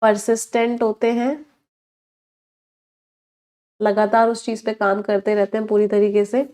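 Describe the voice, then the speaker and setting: A woman with an Indian accent teaching English vocabulary in a live online exam-prep class, mixing Hindi and English, asking the class questions and drawing out each English word slowly. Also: medium pitch, flat delivery, warm tone.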